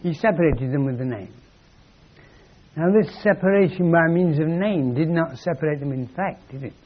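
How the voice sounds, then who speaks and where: A man's voice: fairly high pitch, normal speed. A man giving a philosophical lecture in a wry, emphatic way, on a dull lo-fi recording. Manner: wry, emphatic, acts out quoted voices.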